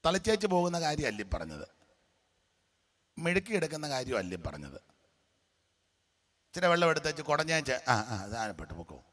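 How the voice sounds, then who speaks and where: A man preaching a sermon as a pastor, animated and mocking, sometimes breaking into song. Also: on the high side, normal speed, long pauses.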